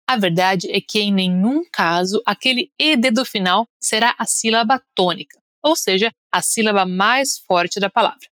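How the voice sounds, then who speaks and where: A woman's voice: mid-range voice, normal speed, few pauses, a bit bright, no echo, clean studio sound. A young woman from Brazil with a Brazilian Portuguese accent, an upbeat pronunciation teacher on a podcast, leading listeners through drills. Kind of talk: podcast lesson.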